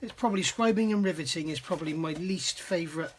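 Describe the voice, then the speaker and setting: At his home hobby workbench, a man hosting a scale model building channel talks fast and casually, rambling and poking fun at himself. His voice is on the high side, his dry throat catches now and then, and there's a slight hiss or hum.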